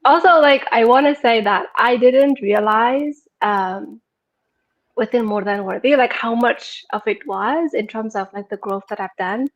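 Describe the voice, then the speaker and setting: A program participant in her thirties from Nepal appears as a guest, giving a casual conversational testimonial about her personal transformation. Giggly and laughing often, she fills her speech with "like." Her voice is on the high side and a little slow, and the audio sounds dull.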